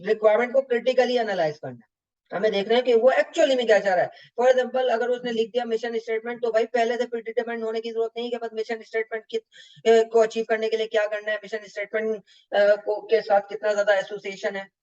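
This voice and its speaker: A man's voice: sits high, flat delivery, a little fast, darkish tone, dull audio. A man, an exam tutor giving a recorded lecture that reviews mock exam answers and slips English terms into his explanations. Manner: explanatory, mixing English terms, asks students rhetorical questions.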